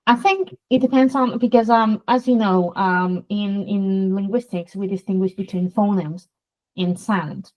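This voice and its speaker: A woman's voice: mid-range voice, measured pace, a little mellow, poor audio. A woman with a Spanish accent, a native Spanish speaker hosting an interview, explaining sounds in a lecturing way and demonstrating them aloud. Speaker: host, Spanish teacher.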